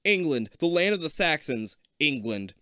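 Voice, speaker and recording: A man's voice: a little high, sing-song, moderate pace, sharp tone, smooth, no echo, studio quality, pitched above the performer's own voice. Figure: an anxious know-it-all boy, voiced by a man. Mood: warning.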